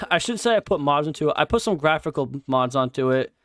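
Animated and brisk, this young man's slightly high voice carries no echo as he streams his gameplay. He talks loosely with his audience, cursing and laughing often, and erupts in loud reactions to what happens in the game.

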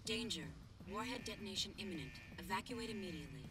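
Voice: medium pitch, lively intonation, quick pace, background noise, close to an everyday voice. An actor voicing the automated warning system of an overheating missile base in a video game, giving clipped, urgent alerts. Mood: alarmed.

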